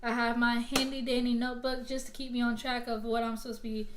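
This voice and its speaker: A woman's voice: fairly high pitch, level tone, quick pace, noisy background. Chatty young woman vlogging. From Alabama, US South. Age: young adult. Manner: chatty, rambling, talks straight to viewers. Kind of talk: casual unboxing vlog and Q&A.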